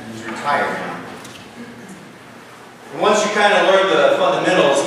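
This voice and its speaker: A man in his thirties, a pastor, preaches from the pulpit of a large church sanctuary, his voice slightly high and a bit bright. He speaks conversationally yet emphatically, building rising lists and gesturing as he goes. A pulpit mic carries him, but a distant camera captures it, so the hall sounds echoey and far off, with slight background noise.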